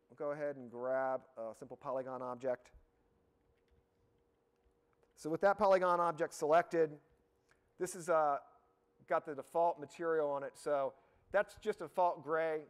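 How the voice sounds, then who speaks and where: A man giving a live software demonstration as a product expert, talking in a casual, upbeat way with lots of fillers and restarts, his voice a little hoarse. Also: fairly high pitch, steady tone, moderate pace, pauses often. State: slightly hoarse, losing his voice.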